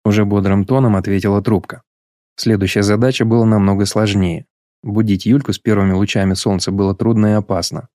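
A man reading an audiobook in scripted narration, measured and even, on a close mic. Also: fairly low pitch, no echo.

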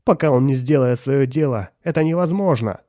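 A stern, irritable father, voiced by a male narrator, barks out gruff commands in a low voice. The audiobook recording is dry and close. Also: steady tone, normal speed, a little mellow, no room sound, lightly acted. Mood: strained. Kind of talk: audiobook character voice.

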